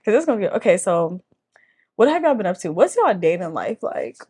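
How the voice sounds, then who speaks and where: A young woman from California hosting a casual chat among friends, relaxed and quick to laugh, with loose slang. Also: mid-range voice, slightly rough. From Inland Empire, California. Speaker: podcast host.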